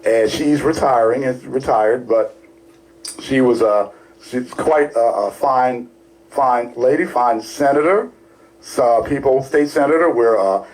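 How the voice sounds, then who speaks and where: A man's voice: mid-range voice, takes it slowly, darkish tone, poor audio. Radio co-host, man, Baltimore accent, rambling and filler-heavy, casual studio talk. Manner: rambling, lots of fillers and restarts.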